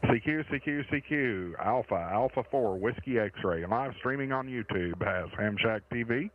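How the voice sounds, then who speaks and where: A man making a steady, rhythmic call for contacts as a ham radio operator, heard as muffled radio transmission audio. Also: medium pitch, normal speed, crowd noise. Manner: steady, rhythmic phonetic call-sign recital.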